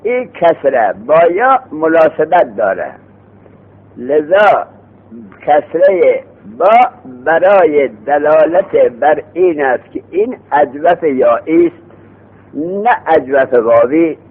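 A man teaching a lesson on grammar who quizzes his students and answers his own questions. He slows down to read the text aloud, then speeds up to explain it. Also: a little high, lively intonation, husky. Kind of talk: Arabic morphology lesson. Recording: tinny phone-like sound.

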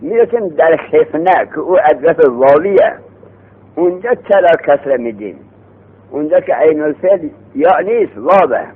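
A man teaching a lesson on grammar who quizzes his students and answers his own questions. He slows down to read the text aloud, then speeds up to explain it. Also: a little high, animated, breathy edge. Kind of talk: Arabic morphology lesson. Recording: tinny phone-like sound.

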